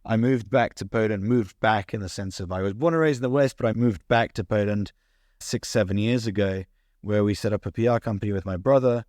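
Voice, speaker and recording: A young British man, a social media founder, guests on a podcast interview, speaking earnestly and fast while often stumbling and restarting sentences. His voice is fairly low and a little mellow, recorded cleanly in a studio with no echo.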